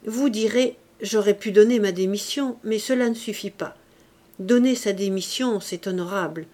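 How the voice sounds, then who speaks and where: A woman's voice: mid-range voice, darkish tone, lightly acted. Woman reading a stern, solemn police inspector. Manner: cold, sad, measured delivery.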